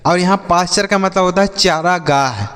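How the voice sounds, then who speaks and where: High-voiced male teacher, echoing hall. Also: a bit bright, clear, resonant tone. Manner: spells letters slowly, then asks and answers his own questions. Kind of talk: spelling and reading lesson for children.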